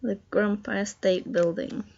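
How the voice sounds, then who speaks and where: A woman with the hiccups chats through a casual home vlog at an unhurried pace. She reads jokes aloud in a halting way and laughs at her own slips. The recording sounds a little dull and lo-fi. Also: medium pitch, steady tone, creaky, darkish tone, slight background noise. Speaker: vlogger. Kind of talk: casual video chat.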